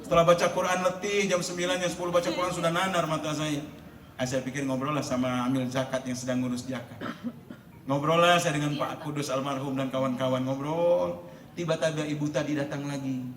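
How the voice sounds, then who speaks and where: Animated preacher in an echoey hall. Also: male voice, a little high, fairly quick, a little hiss or hum. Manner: storytelling, animated, laughing between lines. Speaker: preacher at a school Ramadan program. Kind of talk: sermon to students. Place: school hall. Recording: echoey room with faint ambience.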